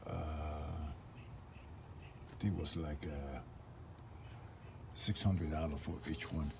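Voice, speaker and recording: This tradesman vlogger has a deep bass voice with vocal fry, speaking slowly and steadily as he works on a truck himself. He mumbles informally, half to himself, while filming the hands-on repair at the vehicle, with noise in the background.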